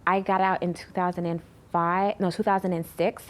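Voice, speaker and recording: A woman in her thirties giving an earnest personal testimony in an interview, lively when she retells conversations. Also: lowish voice, normal speed. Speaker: interview guest.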